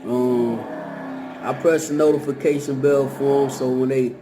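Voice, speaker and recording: A man's voice: medium pitch, steady tone, measured pace, background noise. A man chats casually and slangily to the camera, chewing while he talks. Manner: colloquial slangy talk. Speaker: vlogger and YouTube host. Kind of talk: casual mukbang chat to camera.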